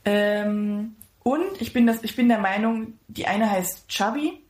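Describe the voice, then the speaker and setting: Woman, excitable podcast host, gushing storyteller, echoey room. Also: medium pitch, measured pace. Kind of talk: casual chat.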